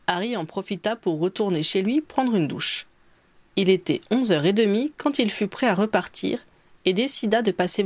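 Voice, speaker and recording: A woman reading a story aloud as an audiobook, telling it clearly and evenly. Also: mid-range voice, darkish tone, dry recording. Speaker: reader. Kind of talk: audiobook narration of fan fiction.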